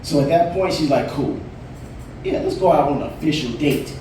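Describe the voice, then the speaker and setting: A warm, fairly high male voice at normal speed carries across a roomy bar, far from the mic, with a little hiss or hum. The man, in his late forties, is on stage doing easygoing stand-up stories with punchlines.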